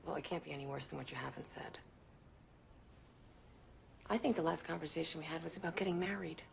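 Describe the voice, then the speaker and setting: A woman's voice: deep voice, brisk, creaky, slight background noise. An actress playing a hurt woman confronting a former lover, pressing hard and often slipping into a whisper. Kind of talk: TV crime drama acting.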